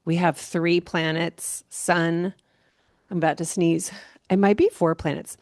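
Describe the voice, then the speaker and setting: A woman astrologer giving a casual monthly horoscope talk, rambling and relaxed, with many fillers and soft laughs. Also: fairly low pitch, a little slow, no echo, clean studio sound. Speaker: astrologer host.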